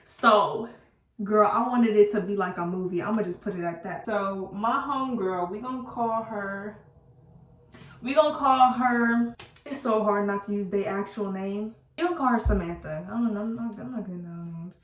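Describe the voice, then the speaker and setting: A woman telling a storytime to her viewers while doing her hair, chatty and animated, laughing at herself and using casual slang. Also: mid-range voice, normal speed. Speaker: beauty vlogger. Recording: roomy, slightly distant mic.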